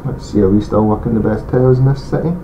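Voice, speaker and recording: Speaking quickly in a lowish voice, this gaming channel host mutters his way through a strategy game, casually thinking aloud and tossing in mumbled asides. His regional accent is one he admits some people may not follow. It's let's play commentary on a dull lo-fi home mic with loud hiss.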